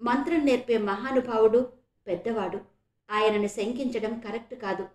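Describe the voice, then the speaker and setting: A woman from Visakhapatnam, India, reading a serial novel aloud in a steady, expressive way. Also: on the high side, moderate pace, reverberant. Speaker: audiobook narrator.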